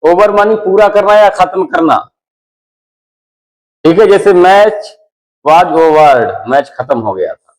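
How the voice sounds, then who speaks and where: A man's voice: high voice, lively intonation, slow, long pauses, low-quality recording. A male English grammar teacher giving a classroom lesson, explaining step by step and often checking that his students follow.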